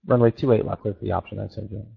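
A man as a small-plane pilot on air traffic control radio, with a gravelly, husky voice. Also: steady tone, very fast. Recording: muffled low-fidelity radio audio.

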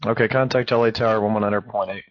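This male air traffic controller talks fast in terse radio phraseology, his low voice holding very steady. The aviation transmission sounds dull and narrow-band.

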